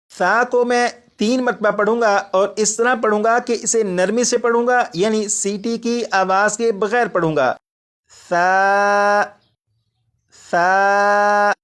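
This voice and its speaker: A man teaching a recorded recitation lesson. He explains each point twice and drags out each example letter three times, slowly and a bit louder. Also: high voice.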